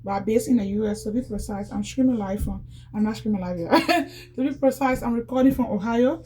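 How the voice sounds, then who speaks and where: A woman from Liberia chats through a home cleaning demonstration, repetitive and fond of addressing her audience as "guys." Her fairly high, mellow voice runs a little fast, with slight background noise and background music.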